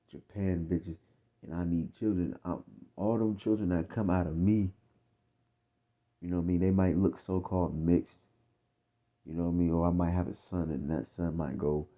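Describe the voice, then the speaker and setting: An American man with a deep voice delivers informal, off-the-cuff religious teaching, and the audio sounds muffled, like a phone. His delivery is blunt, profane and repetitive, in a street-talk style full of check-in phrases.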